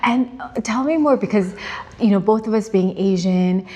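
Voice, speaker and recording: A woman's voice: mid-range voice, normal speed, warm tone. A woman hosting a casual interview podcast, encouraging her guest with frequent listening murmurs. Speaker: podcast host.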